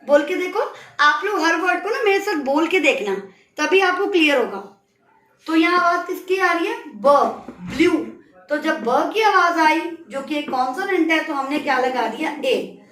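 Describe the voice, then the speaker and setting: A woman teacher with a high voice leads a children's grammar lesson, patiently repeating her questions and coaxing the class to answer. She speaks from some way off the mic in a reverberant classroom. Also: animated, moderate pace, a bit bright. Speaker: school teacher. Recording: echoey room, voice from a distance.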